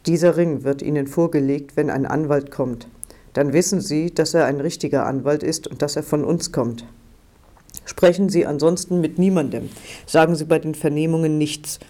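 A man voicing a hushed, insistent advocate. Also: a little high, fairly even intonation, moderate pace, close to an everyday voice. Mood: urgent. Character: calm, urgent male rights advocate.

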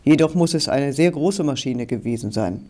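A man's voice: mid-range voice, lively intonation, normal speed, a little mellow, natural voice. A man reading the part of a female TV reporter who speaks formally to the camera. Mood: reporting. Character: composed adult female TV reporter at a crash site.

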